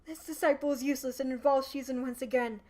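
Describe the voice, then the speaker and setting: A woman's voice: high-pitched, fairly even intonation, quick pace, darkish tone, natural voice. A woman voicing an eager, earnest young man, a devoted disciple in a fantasy novel read-aloud. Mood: bewildered, apologetic. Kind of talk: voiced character in web novel read-aloud.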